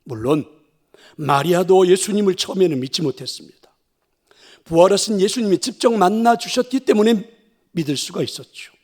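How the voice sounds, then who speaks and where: A male pastor retelling a scripture story in a sermon, dramatic and often dropping to a hush. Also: high-pitched, expressive, brisk. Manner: dramatic, dropping to hushed whispers.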